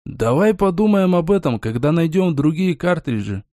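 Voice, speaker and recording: A man's voice: on the high side, lively intonation, moderate pace, mellow, no room sound, studio quality, natural voice. A man voicing a nervous, nerdy young gadget fan who talks cautiously.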